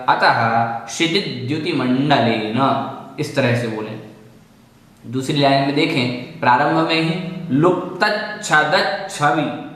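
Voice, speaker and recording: A man teaching a scripture recitation class, explaining pronunciation slowly and chanting verses. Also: mid-range voice, a bit bright. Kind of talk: online recitation lesson. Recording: echoey hall with long reverb.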